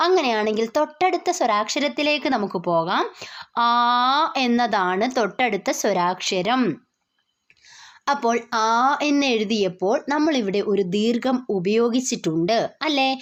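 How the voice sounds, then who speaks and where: A woman teaching a beginners' lesson step by step, explaining patiently and often asking the learner questions. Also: a little high. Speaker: Hindi teacher. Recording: dull lo-fi sound.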